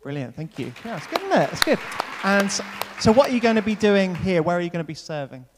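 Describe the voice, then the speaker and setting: A man's voice: high voice, very animated, fast, a crowd in the background, background noise. Upbeat man on stage in a reverberant church. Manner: upbeat, loose, repeats "brilliant" and "yeah". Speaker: church leader hosting an on-stage welcome. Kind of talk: casual stage interview and spoken prayer. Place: church hall with long reverb.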